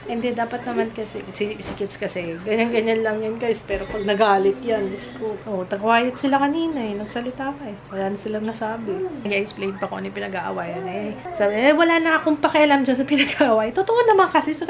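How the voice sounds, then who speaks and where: A woman's voice: fairly high pitch, rough recording. A woman vlogger talking candidly to her viewers at home in a casual, confiding way. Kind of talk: casual chat to camera.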